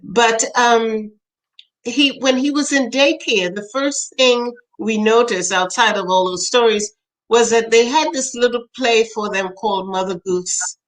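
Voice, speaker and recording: An older woman from Trinidad, a poet being interviewed, telling family stories with lively quoted voices. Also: on the high side, measured pace, rough recording. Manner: animated storyteller, acts out quoted voices, laughs often. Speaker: poet and author, interview guest. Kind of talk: storytelling in conversation.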